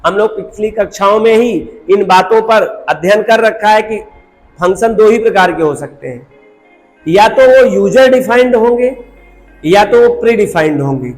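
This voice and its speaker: A man's voice: sits high, expressive, normal speed, long reverb tail, faint music behind, poor audio. A man teaching a recorded programming lecture, repeating points and asking rhetorical questions while he mixes English terms into his talk.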